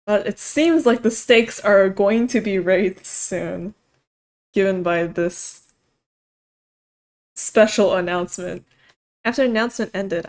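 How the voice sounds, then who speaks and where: A woman casually narrating a visual novel and reading its characters aloud, with playful, excitable reactions. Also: mid-range voice.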